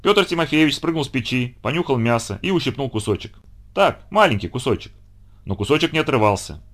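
A man reading a children's story aloud with expressive, dramatic narration. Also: mid-range voice, brisk.

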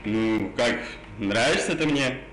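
A man's voice: medium pitch, animated, slow. Wheedling man with burred r's, echoey call. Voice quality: burred, indistinct r sounds. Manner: insistent, wheedling, repeats himself. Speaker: prank caller. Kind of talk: casual phone chat, coaxing. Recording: echoey phone call, faint noise.

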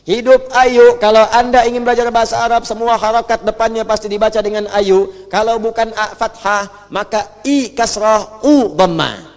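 Guy teaching quran reading in a big hall, high voice, chants the verses slow, gets the class to say them back. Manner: animated, chants verses slowly, has class repeat. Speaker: religious teacher. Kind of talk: Quran recitation lesson. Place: large hall on a stage. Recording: long hall reverb.

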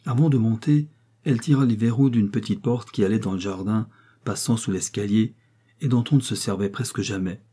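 A man narrating a classic novel as an audiobook, in a steady, measured reading. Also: on the low side, breathy edge. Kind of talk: scripted narration.

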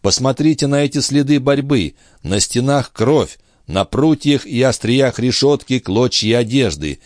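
A man's voice: medium pitch, animated, unhurried, a little mellow, dry recording, clean studio sound, voice pushed up, natural voice. A man voicing a frantic, pleading old man. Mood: anxious. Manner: pleading, cries out. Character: frantic old man searching for his boy.

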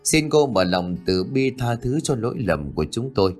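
Brief: old village woman, bossy and harsh, voiced by a man, lively swings, ghost story. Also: mid-range voice, normal speed, soft background music. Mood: pleading prayer. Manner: harsh, scolding shouts.

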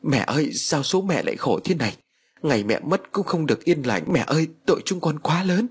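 A man's voice: medium pitch, sing-song, brisk, breathy edge, pitched above the performer's own voice. A man voicing a middle-aged woman lamenting her dead mother in a tearful, pleading way. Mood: wailing. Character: grieving middle-aged daughter wailing over her mother.

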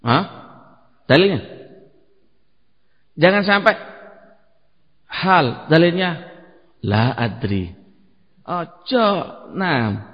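A man's voice: a little high, expressive, drawn-out words, long pauses. A man teaching Arabic grammar in a mosque with an Indonesian accent, quizzing and correcting his students and mixing in Arabic phrases. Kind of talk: classroom lesson with quizzing of students. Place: mosque hall. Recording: long hall reverb, dull lo-fi sound.

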